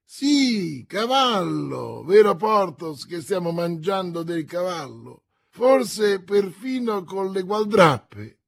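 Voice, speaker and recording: A calm, sardonic musketeer with a dry, understated delivery, as a male reader puts him on. His husky voice stays slow and measured in a storybook reading. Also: high-pitched, pitched above the performer's own voice, exaggerated voice. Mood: wry.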